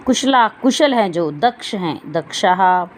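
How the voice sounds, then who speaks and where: A woman's voice: lowish voice, lively intonation, slow pace, a little hiss or hum. A woman teacher reading a Sanskrit text and explaining it line by line for her students. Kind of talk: Sanskrit lesson explained in Hindi.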